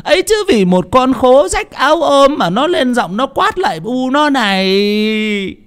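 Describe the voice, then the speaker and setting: Man doing a shrill wailing old mother. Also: expressive, a little slow, fairly bright tone, exaggerated voice.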